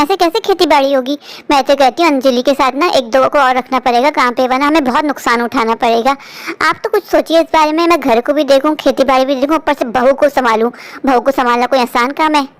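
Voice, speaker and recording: A woman's voice: high-pitched, fast, lightly acted. A woman voicing a harsh, domineering middle-aged mother-in-law in a cartoon story, who scolds and gives orders. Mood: complaining. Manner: scolding, nagging, commanding.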